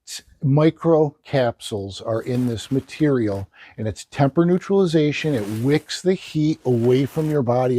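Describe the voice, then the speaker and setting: A man's voice: medium pitch, warm tone, slightly rough. A man presenting a product demonstration as a hard-sell ad, emphatically repeating selling points. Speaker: infomercial presenter and salesman. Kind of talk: sales pitch, product demonstration.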